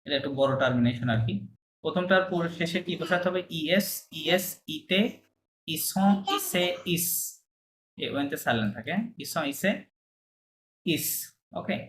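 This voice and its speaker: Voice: mid-range voice, lively intonation, unhurried, long pauses, slight background noise, poor audio. ধৈর্যশীল ফরাসি ভাষার শিক্ষক, মাঝে মাঝে ইংরেজি শব্দ. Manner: patient, checks understanding with frequent "right?"; mixes Bengali with English and French terms. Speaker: French teacher. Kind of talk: online language lesson.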